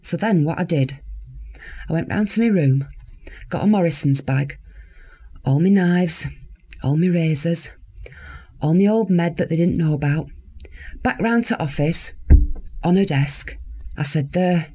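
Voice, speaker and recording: A weary sixty-year-old woman in care, as an actress plays her speaks in a husky, slightly breathy voice. She recounts her days in a blunt, wry monologue, bitterness never far below the surface. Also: low voice, unhurried, pauses often, dark tone. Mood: bitter. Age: 60s. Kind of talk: dramatic monologue.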